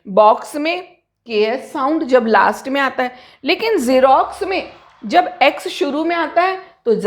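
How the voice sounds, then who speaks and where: Slow, animated woman teaching pronunciation. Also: sits high. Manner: asks questions and answers them herself; slow, drawn-out spelling of example words. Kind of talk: explanatory lesson to students.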